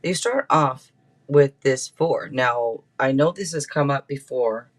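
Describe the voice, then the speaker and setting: Speaking slowly in a mid-range, slightly bright voice, a male livestream host runs a casual tarot reading. He chats with viewers in a rambling, playful manner and keeps tossing in asides.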